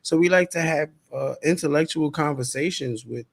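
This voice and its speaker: A man's voice: on the high side, moderate pace, vocal fry, no echo. A man calling into a casual live audio chat, talking in a friendly, joking, talkative way. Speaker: caller.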